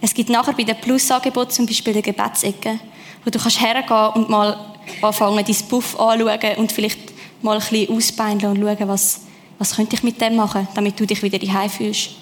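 A woman's voice: medium pitch, brisk, slight background noise. Woman preaching in echoey hall. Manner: lively, personal, addresses listeners directly. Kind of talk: sermon.

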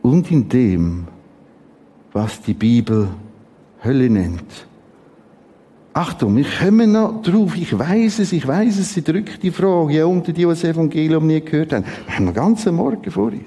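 A man with a Swiss German accent preaching a sermon at a church service, emphatic, with dramatic swings in pitch and repeated words for stress. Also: lively intonation, normal speed, dark tone, slightly rough.

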